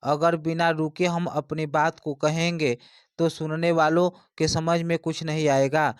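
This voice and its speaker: A man's voice: fairly high pitch, little pitch movement, unhurried, clear, resonant tone, dry recording, clean studio sound. A man teaching an exam-prep lesson, explaining step by step and repeating his points.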